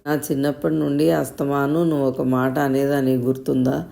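A woman voicing a strong-willed, pampered young daughter in a read-aloud story, sulky and teasing, with a flat, creaky voice. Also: rumbling low, a little fast, exaggerated voice. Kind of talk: storybook narration.

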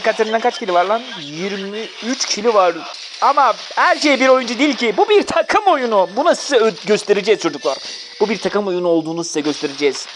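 A gamer giving a running commentary on their own mobile match, swearing freely, cheering and scolding teammates in bursts of excitement. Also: mid-range voice, noisy background. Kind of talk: gameplay commentary.

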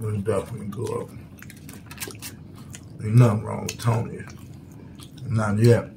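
A man's voice: lowish voice, little pitch movement, a little slow, creaky, noisy background. A young man with an American accent, chatting casually over a meal. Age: young adult. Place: small room at home. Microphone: camera at table's length.

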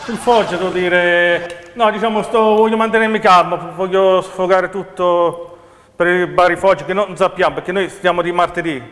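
A man's voice: high voice, fairly even intonation, normal speed, a bit bright. A man in casual comic banter as a quiz contestant, muddled and repeating himself. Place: TV studio. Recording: reverberant noisy studio.

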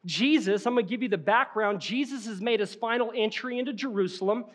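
A man's voice: high voice, a little fast. A man preaching a sermon as pastor, telling vivid stories and acting out quoted lines in a church. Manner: storytelling, acting out scenes with quoted voices. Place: church sanctuary.

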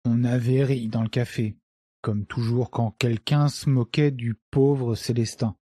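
Man reading a mystery audiobook, mellow. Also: medium pitch, no echo, clean studio sound. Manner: measured, even storytelling. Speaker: audiobook reader. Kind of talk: scripted first-person narration.

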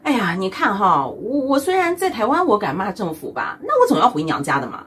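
A woman's voice: medium pitch, huge pitch swings, fairly quick, slight background noise. A woman from China, doing a chatty, teasing comedic monologue as a vlogger and laughing often. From mainland China.

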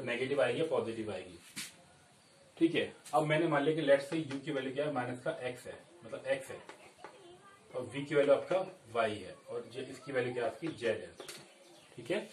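In a classroom, a young man at a chalkboard teaches step by step in a medium-pitched voice, regularly checking in with "okay, kids." The camera is set back from the board, giving a distant, slightly off-mic sound with room echo and a faint hiss or hum.

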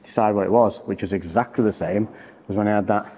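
Fast-talking man with a dark, mellow voice. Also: lowish voice, fairly even intonation, husky. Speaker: presenter acting as patient. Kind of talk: casual explanatory chat. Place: large hard-floored gym, indoors. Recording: reverberant hall-like room.

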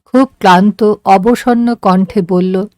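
A woman narrating a story in a slow, measured, soft voice. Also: mid-range voice, fairly even intonation, dry recording, studio quality. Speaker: story reader.

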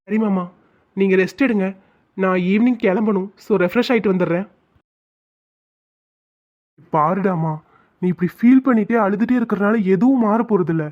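A performer voicing a steady, kind young man who is a police officer in a cartoon. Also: mid-range voice, brisk, lightly acted. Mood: calm. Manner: reassuring, calm. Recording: tinny phone-like sound.

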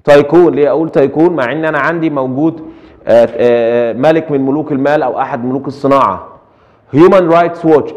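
A man's voice: fairly high pitch, darkish tone, lo-fi sound. A middle-aged man with an Egyptian accent giving a translation lecture, asking rhetorical questions and dropping English terms into his Arabic. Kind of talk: recorded lecture.

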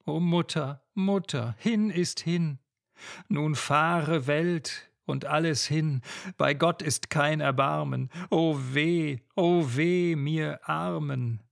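A man's voice: on the high side, slow, creaky, no echo, clean studio sound. A man voicing a despairing young woman, a grieving bride crying out against God in a classic ballad reading.

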